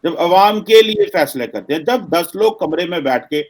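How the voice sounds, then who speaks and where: A man's voice: high voice, lively intonation, normal speed. Teasing male talk show host. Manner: teasing, pointed questions, addresses guest as madam. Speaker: host and political analyst. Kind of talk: political talk show discussion.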